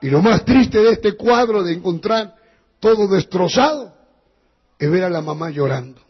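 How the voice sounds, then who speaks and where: A male pastor preaching a sermon as a storytelling preacher who drops to a hushed voice in sad passages. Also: high-pitched, expressive, moderate pace, husky. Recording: dull recording with long church reverb.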